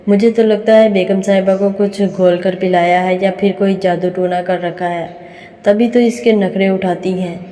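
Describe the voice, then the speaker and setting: A jealous young dancing girl gossips bitterly about a rival, voiced by a woman storyteller. The tone is mellow and almost monotone. A roomy reverb trails each line. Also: medium pitch, normal speed, natural voice. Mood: resentful. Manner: gossipy, whispering complaints. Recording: reverberant room.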